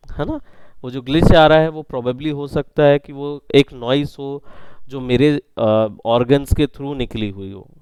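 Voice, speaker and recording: एक पुरुष प्रशिक्षक जो कक्षा में समझाते हुए बोलता है और बार-बार छात्रों से पुष्टि लेता है।. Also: male voice, mid-range voice, darkish tone, clear, resonant tone, no echo. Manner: explanatory, checks in often with the class. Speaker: instructor. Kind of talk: classroom lecture on sound editing.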